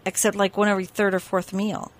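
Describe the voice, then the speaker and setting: A woman co-hosting a casual radio show, telling stories in a chatty, animated way and often breaking into giggles. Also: medium pitch, fast.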